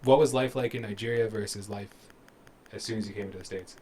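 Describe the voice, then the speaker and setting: A man's voice: on the low side, fairly even intonation, brisk, mellow, rough recording. A man hosting a casual sports interview, chatty and upbeat, firing off follow-up questions. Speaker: interviewer, host.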